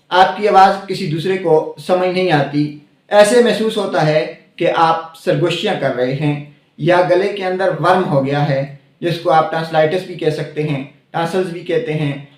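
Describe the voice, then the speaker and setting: A man with a somewhat high, echoey voice hosts a health channel, explaining a herbal syrup in a scripted product explainer. He speaks directly to viewers and keeps repeating the main points.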